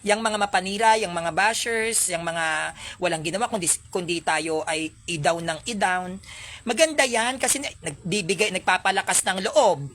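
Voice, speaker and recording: A woman content creator talking straight to her followers in a casual, preachy monologue, animated and mocking, switching into English phrases. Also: on the low side, normal speed. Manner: mixes English phrases into speech.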